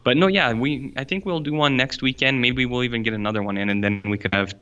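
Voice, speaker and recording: A man's voice: medium pitch, fast, bright, forceful tone, clean tone, lo-fi sound. A man chatting casually as a podcast co-host, joking and slangy, sounding like he's inside a fishbowl in a borrowed room. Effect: boxy fishbowl-like room sound.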